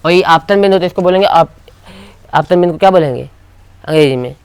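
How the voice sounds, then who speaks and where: A man's voice: on the high side, quick pace, clean tone, no room sound. Guy teaching physics to a class, keeps asking them questions, dry close sound. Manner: call-and-response questioning. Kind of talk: classroom lecture.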